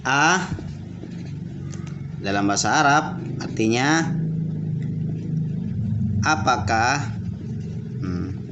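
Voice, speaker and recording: A man teaching basic Arabic to children, repeating words slowly and checking that they understood. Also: mid-range voice, expressive. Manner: repeats words slowly and asks questions back. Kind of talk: classroom lesson for children. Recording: dull lo-fi audio with faint room noise.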